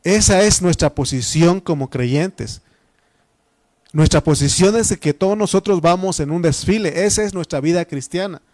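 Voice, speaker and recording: A man's voice: sits high, normal speed, darkish tone, no room sound. A Mexican man preaching a Bible study sermon in a teaching manner, repeating phrases and using frequent fillers. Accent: Mexican Spanish.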